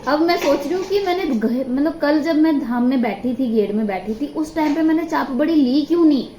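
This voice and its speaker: A young woman chats into her phone at home, gushing and piling up repeats for emphasis. Her voice sits fairly high for a woman. The sound is roomy and echoey, with a faint hum of background noise. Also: expressive, brisk, mellow, dull audio. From Himachal Pradesh, India. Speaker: vlogger. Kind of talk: casual vlog chat.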